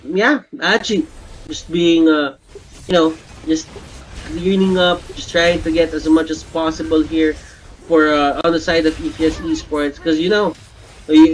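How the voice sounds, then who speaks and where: A man doing live play-by-play commentary on an esports match, shouting high and excited in big plays. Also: a little hiss or hum, rough recording. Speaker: esports caster.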